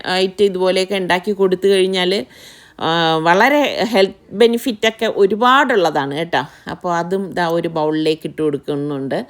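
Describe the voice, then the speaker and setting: A middle-aged woman hosting a home cooking vlog, talking viewers through each step in a chatty, explaining way. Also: mid-range voice. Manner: chatty, explains step by step, keeps adding tag questions. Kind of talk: casual home cooking chat.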